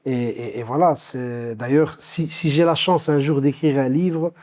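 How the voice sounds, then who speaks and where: Hesitant Belgian-born man, mellow voice. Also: mid-range voice, steady tone, unhurried. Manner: hesitant, many fillers and restarts. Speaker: guest. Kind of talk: personal interview storytelling.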